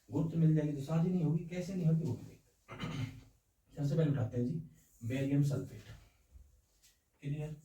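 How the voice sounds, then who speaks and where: A man teaches a science lesson with homely, playful comparisons and keeps asking whether the students follow. His voice is very dark and mellow and sits a little high for a man. He is heard from some distance in an echoey room.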